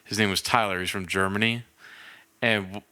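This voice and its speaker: A man's voice: on the low side, fairly even intonation, normal speed, bright, forceful tone, clean tone. A young man co-hosting a podcast, telling a story in casual chat and laughing through it. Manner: laughs through his stories. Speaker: podcast co-host.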